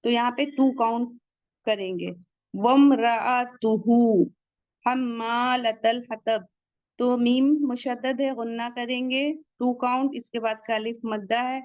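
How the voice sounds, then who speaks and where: A woman teaching the rules of Quran recitation, slowly sounding out each word and then explaining how to pronounce it. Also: fairly high pitch, fairly even intonation, no room sound, highs cut off. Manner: slow, deliberate, drawn-out recitation of each word.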